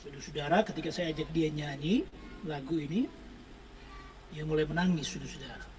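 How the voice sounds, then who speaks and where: A man's voice: on the high side, brisk, darkish tone, recorded from a distance, faint music behind, low-quality recording. A man preaching a sermon, telling a healing story to the congregation and singing lines of a worship song. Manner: storytelling, addresses the congregation as brothers and sisters, sings song lines.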